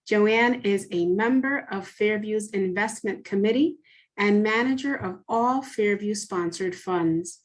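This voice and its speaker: A woman giving a formal, measured introduction of the host at a panel event. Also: medium pitch, rough recording.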